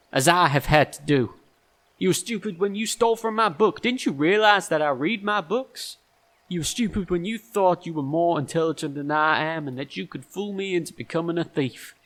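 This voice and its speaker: A high, slightly bright voice carries a scornful edge as this actor portrays a shrewd, stern and self-righteous man in a stage drama for audio. His lines come out deliberate, emphatic and full of accusation.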